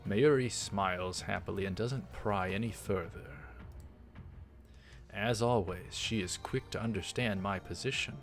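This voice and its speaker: With faint visual novel music playing underneath, a man reads the game's text aloud for his let's play, breaking off for rambling, hesitant, casual remarks. He speaks on the low side at a measured pace.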